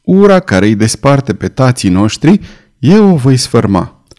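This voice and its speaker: A man's voice: mid-range voice, big pitch swings, darkish tone, close to an everyday voice. A man voicing a protective young nobleman who reassures his beloved tenderly.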